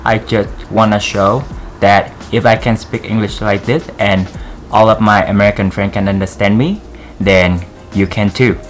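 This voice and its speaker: A man with a heavy Vietnamese accent speaks to his channel in an earnest, encouraging way, with plain and broken English phrasing. His voice sits fairly low. Soft music plays faintly underneath. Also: steady tone, normal speed. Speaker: vlogger. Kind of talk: encouraging vlog talk to camera.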